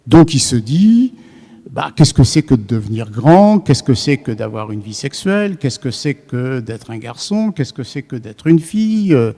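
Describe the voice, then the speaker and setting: A man's voice: mid-range voice, big pitch swings, measured pace, dark tone. A man giving an academic lecture to a live audience, thinking aloud and often restarting his sentences. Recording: long reverb of a lecture hall.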